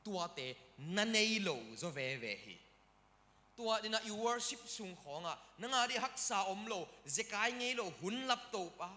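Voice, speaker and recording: Animated, bright-voiced male preacher in a hall. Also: sits high. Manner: animated preaching with frequent hallelujahs. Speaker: pastor. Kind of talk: sermon.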